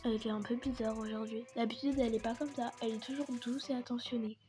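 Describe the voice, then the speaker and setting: A woman's voice: on the high side, fairly even intonation, fast talker, over music, close to an everyday voice. A woman voicing a worried, indignant mother in a game role-play. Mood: concerned.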